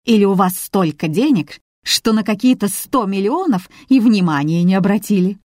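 A sharp-tongued woman guest needles her hosts with sarcasm, voiced by the reader. The part sits higher than the reader's low, dark tone. It is recorded dry and close. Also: lively intonation, normal speed, no echo, close to an everyday voice. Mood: sarcastic.

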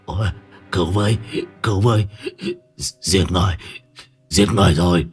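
A man voicing a frantic old man with a hoarse, wheezy voice. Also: sits low, moderate pace, a bit bright, soft background music, full character voice. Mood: panicked.

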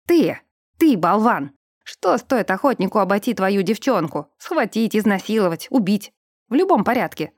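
A woman's voice: mid-range voice, very animated, no echo, studio quality. Woman putting on a sly sardonic lynx-shifter boss. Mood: furious. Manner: slow, sarcastic, suddenly barking. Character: sly middle-aged male lynx-shifter official, sardonic.

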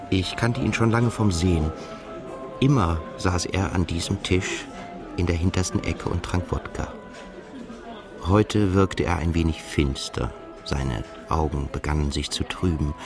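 Playing a haunted, melancholy émigré narrator in a literary radio drama, a male actor with a very deep voice speaks measuredly and reflectively. The mood comes across as detached and observant.

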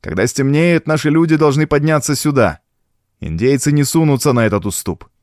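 A man's voice: a little high, expressive, a little fast, darkish tone, no echo, clean studio sound, voice pushed up, natural voice. A man voicing a cool-headed male pirate officer in an audiobook, terse and commanding. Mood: calm.

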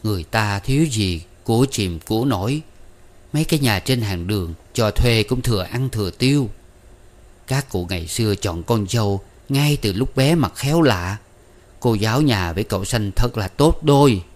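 A man's voice: fairly low pitch, expressive, normal speed, close to an everyday voice. A man voicing a fawning, chatty middle-aged woman matchmaker who coaxes and wheedles in an audiobook reading. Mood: coaxing. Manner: wheedling, coaxing, persuasive.

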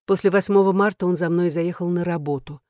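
A woman's voice: on the low side, steady tone, fairly quick, dark tone, no echo, clean studio sound. A woman narrating a first-person story in a frank, earthy storytelling manner. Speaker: audiobook narrator.

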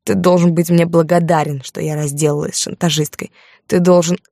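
A woman reading an audiobook, voicing a jealous, hysterical young wife in a raised, shrill voice. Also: little pitch movement, fairly quick, creaky, mellow, no room sound, studio quality. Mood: spiteful.

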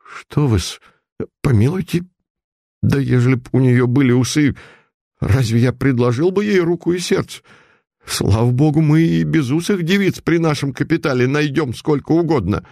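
A man's voice: medium pitch, normal speed, gravelly, warm tone, no echo, studio quality, voice pushed up, natural voice. A man voicing a comical, fussy young merchant's son who stammers.

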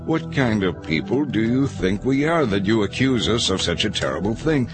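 A man's voice: fairly low pitch, animated, normal speed, voice pushed up, natural voice. A man voicing a group of brothers protesting their innocence indignantly, over faint music.

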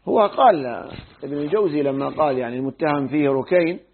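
A man teaching a Quran commentary lesson, measured and pausing to check readings. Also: fairly high pitch. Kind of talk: tafsir lesson. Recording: tinny phone-like recording.

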